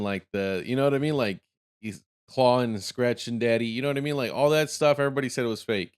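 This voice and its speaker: A man's voice: lowish voice, clean tone. A man giving casual reaction commentary with chatty, rambling asides. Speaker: streamer reacting to a video.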